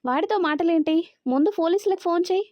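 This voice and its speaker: A woman voicing an angry, sharp-tongued young woman who scolds and accuses. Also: very high-pitched, quick pace, no room sound, voice pushed up. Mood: angry scolding. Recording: dry, slightly dull recording.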